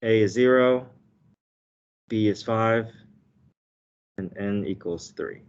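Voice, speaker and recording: A man's voice: on the low side, slow, clear, resonant tone. A man teaching a step-by-step math lesson as a teacher, explaining and often checking in with short tag questions. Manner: explanatory, checks in with "okay" and "right". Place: indoors, desk with document camera. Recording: dull, slightly muffled online lesson audio.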